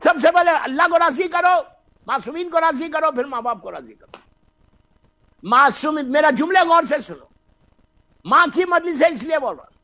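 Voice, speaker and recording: A man giving an impassioned sermon as a cleric, slipping in English phrases and breaking into shouts. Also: very high voice, expressive, pauses often.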